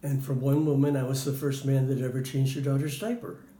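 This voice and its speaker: A man's voice: medium pitch, little pitch movement, fairly quick, mellow. Guy telling stories in an interview, lots of ums, echoey room. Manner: hesitant, many fillers. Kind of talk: casual interview answers. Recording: roomy with faint noise.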